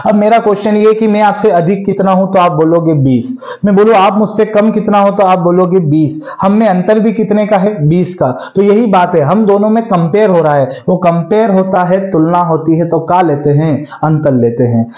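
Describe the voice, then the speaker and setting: A man's voice: high voice, normal speed, hardly any pauses, darkish tone, roomy sound, highs cut off. A man in his forties teaching an exam-prep math lesson, asking the class questions and answering them himself. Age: 40s.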